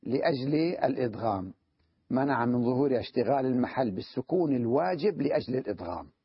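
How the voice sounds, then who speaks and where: A man teaching an Arabic grammar lesson in a classroom style, repeating key phrases slowly and often checking that his students follow. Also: medium pitch, expressive, husky, no echo. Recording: dull lo-fi dry recording.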